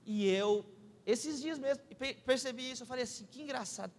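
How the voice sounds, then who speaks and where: A man with a Brazilian Portuguese accent, a pastor preaching a sermon with lively, excitable humorous storytelling. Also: extremely high pitch, moderate pace. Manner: animated, excitable, acts out the people in his stories. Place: church hall. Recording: long church-hall reverb.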